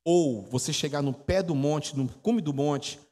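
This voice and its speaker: A man's voice: fairly high pitch, measured pace, dark tone. A Brazilian man in his forties, a pastor giving a chatty teaching sermon, telling stories and quizzing his congregation. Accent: Brazilian Portuguese. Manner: chatty storytelling, quizzes the audience. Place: church hall. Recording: echoey church hall.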